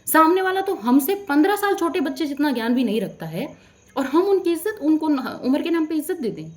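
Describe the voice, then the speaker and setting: A woman's voice: sits high, very animated, a little fast. A young woman telling a storytime vlog in a heated, indignant rant. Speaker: vlogger.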